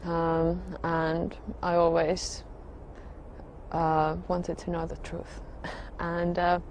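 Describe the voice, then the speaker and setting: Slow, hesitant woman. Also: lowish voice, completely flat delivery, a little mellow, a little hiss or hum. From Finland. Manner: hesitant, halting, with frequent pauses and fillers. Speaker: religious convert sharing her story. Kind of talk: personal testimony.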